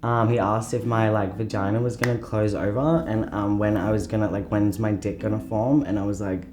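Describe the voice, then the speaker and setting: A man's voice: on the low side, level tone, a little fast. A man in an interview, answering frankly and laughing things off in an easygoing way. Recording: faint background music.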